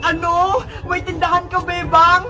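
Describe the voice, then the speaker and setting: A woman voicing a cheerful, friendly little girl who chatters excitedly, in a comic skit. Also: very high voice, unhurried, over music. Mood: chirpy. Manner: chirpy, excited.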